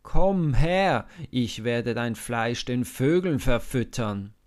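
A man's voice: medium pitch, animated, slow pace, a little mellow. A man voicing a huge boastful giant warrior who bellows with scorn, in a storybook reading. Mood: mocking.

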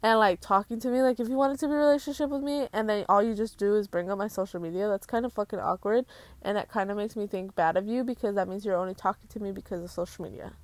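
A woman's voice: mid-range voice, quick pace, no echo. A young woman vlogging and venting, swearing freely and mimicking people with blah blah. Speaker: YouTuber. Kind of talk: casual storytime rant to camera.

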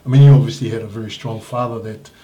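Mellow New Zealand man interviewing a mate. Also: mid-range voice, steady tone, quick pace. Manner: colloquial, matey, often tags lines with "eh" and "right". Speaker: interviewer, host. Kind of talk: casual conversational interviewing.

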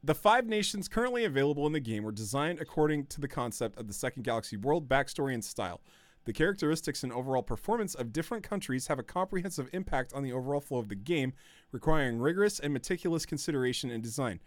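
A man's voice: medium pitch, quick pace, no room sound. A man co-hosting a casual gaming podcast, joking around and reading listener questions aloud. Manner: animated, jokey, reads questions aloud. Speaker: podcast co-host.

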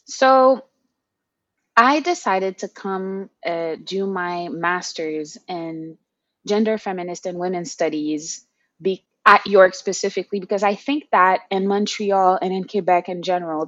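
A young woman from Haiti, a podcast guest speaking thoughtfully in a casual interview, pausing to find her words. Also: fairly low pitch, fairly bright tone, dry recording, lo-fi sound. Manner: thoughtful, with fillers and restarts.

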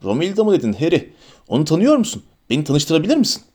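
A lovesick teenage boy in an audiobook, breathless and besotted, who turns indignant and loud when crossed, as a male narrator voices him. The voice stays close to the reader's own. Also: on the high side, huge pitch swings, fast.

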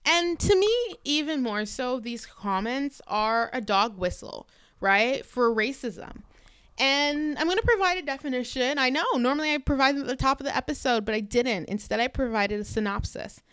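A woman's voice: mid-range voice, smooth, no echo. A young woman from Canada hosting a podcast, talking through her views in an emphatic, conversational monologue with rhetorical questions. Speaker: podcast host. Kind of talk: casual commentary monologue.

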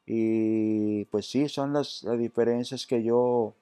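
Guy walking thru an app tutorial, kinda monotone, mellow, patient, lots of restarts. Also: mid-range voice, takes it slowly, clear, resonant tone, no echo. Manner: patient, explains step by step with hesitant restarts. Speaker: tech tutorial presenter. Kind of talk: screen-reader app walkthrough.

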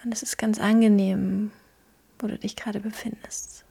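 Female meditation guide: hushed, husky-breathy near-whisper, gentle delivery with unhurried pauses. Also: mid-range voice, little pitch movement. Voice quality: soft, breathy. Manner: gentle, hushed, slow pauses between phrases. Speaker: podcast host guiding a meditation.

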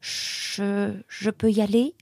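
Une renarde servante, grande et maigre, terrifiée de mal faire, jouée par une femme. Sa voix soufflée et sèche bafouille, presque inaudible, dans un livre audio. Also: female voice, medium pitch, flat delivery, slow, a little mellow, no room sound, clean studio sound, pitched above the performer's own voice. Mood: timid. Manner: hesitant, stammering, almost inaudible. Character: tall thin timid vixen servant.

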